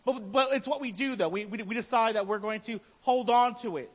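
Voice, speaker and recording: A man's voice: very high-pitched, fairly quick, dull audio. A man preaching a sermon as pastor, talking conversationally and asking his listeners many questions.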